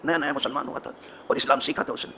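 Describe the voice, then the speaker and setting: A man's voice: medium pitch, fairly even intonation, sharp tone, slight background noise. A man with an Indian Urdu accent teaching hadith as a mosque imam, telling a story with asides to his listeners and building to emphatic repetition.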